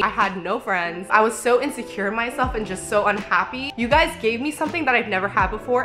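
A woman's voice: fairly high pitch, fairly bright tone. A woman in her twenties talking casually to camera in a vlog from her apartment, chatty and sentimental, laughing often. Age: 20s. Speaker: lifestyle vlogger.

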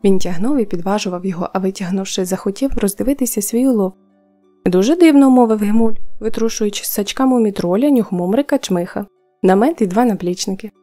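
Mellow-voiced woman narrating a fairy tale. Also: mid-range voice, fast. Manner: even, storytelling. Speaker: audiobook narrator. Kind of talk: scripted narration of a children's tale. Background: faint music.

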